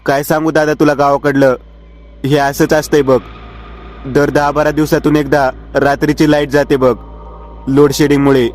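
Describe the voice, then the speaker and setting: A man's voice: fairly high pitch, level tone, normal speed, long pauses, a little mellow, lightly acted. A man doing a snappish young villager. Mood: irritated. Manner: snappish, exasperated.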